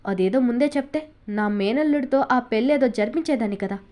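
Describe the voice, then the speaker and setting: A woman's voice: fairly high pitch, a little fast, warm tone, close to an everyday voice. A woman voicing a cruel, sarcastic middle-aged aunt in a storybook reading. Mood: contemptuous rage. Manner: sarcastic, harsh.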